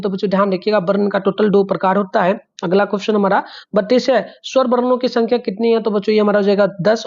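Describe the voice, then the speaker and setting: A man teacher going through exam answers, sounding out letters slowly and often calling to the children. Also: high voice, muffled recording. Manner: drawn-out repeated sounds, frequent fillers, addresses the children.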